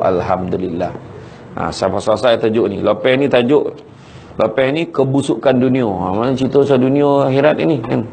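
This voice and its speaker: A man's voice: medium pitch, gravelly, mellow, slight background noise. A man with a Malaysian Malay accent, a religious teacher giving a morning lecture to a congregation. He tells stories in a conversational way and keeps asking his listeners to agree. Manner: conversational storytelling, asks listeners "kan?" often.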